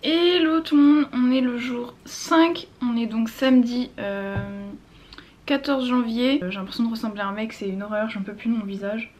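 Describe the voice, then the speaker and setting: A young woman with a slightly raised pitch chats to her camera at home. She speaks informally and frankly, in a self-deprecating vlog style. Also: fairly even intonation, moderate pace, a little mellow, a little hiss or hum. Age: young adult. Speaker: vlogger. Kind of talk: casual chat to camera. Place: small room at home, indoors.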